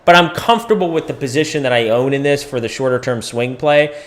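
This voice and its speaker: Hosting a live stream about crypto price charts, this man thinks aloud in a casual way as he walks through them. His voice is going hoarse and he keeps clearing his throat, speaking at a medium pitch and a quick pace into a desk microphone.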